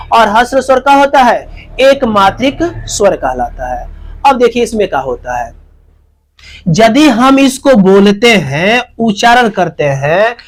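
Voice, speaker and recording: Beside a teaching board, a teacher runs an exam-focused grammar lesson, posing questions, answering them, and repeating key terms. The voice is mid-range and the recording is rough.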